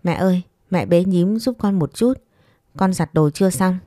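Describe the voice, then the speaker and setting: A woman voicing a meek, patient young wife and mother who speaks gently and pleads softly. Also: fairly low pitch, normal speed, dry recording, clean studio sound, natural voice. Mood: gentle pleading.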